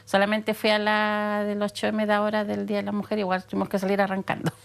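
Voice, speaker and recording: A woman with a Chilean Spanish accent answering interview questions in a steady, matter-of-fact way. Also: medium pitch, fast talker, vocal fry, clear, resonant tone. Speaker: guest, mother of a detained youth.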